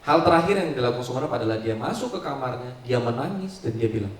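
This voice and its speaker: A male pastor telling a story in a sermon, with a dramatic delivery that swings between loud and soft. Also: medium pitch, animated, fast talker. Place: large church hall. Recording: echoey church hall, mic at distance.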